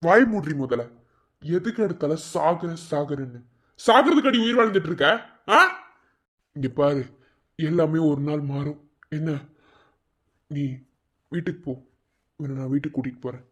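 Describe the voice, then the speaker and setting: A man's voice: fairly high pitch, moderate pace, pauses often, a little mellow, breathy edge. A man with a Madurai Tamil accent voicing a young male friend in a cartoon. He scolds in short, curt commands. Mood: scolding. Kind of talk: cartoon voice acting.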